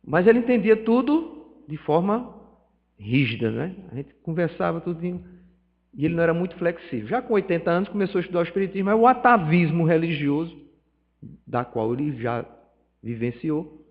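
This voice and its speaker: A man's voice: a little high, lively intonation, a little fast. A man with a Pernambuco accent giving a spiritist lecture, telling stories with acted dialogue and emotional swells. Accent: Pernambuco Portuguese. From Northeast Brazil. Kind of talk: lecture at a spiritist study group. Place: meeting hall of a spiritist centre. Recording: dull, reverberant hall recording.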